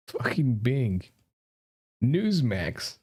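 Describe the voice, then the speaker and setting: A man's voice: mid-range voice, darkish tone, husky. A man co-hosting a casual live podcast, ranting crudely with a lot of swearing. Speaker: podcast co-host.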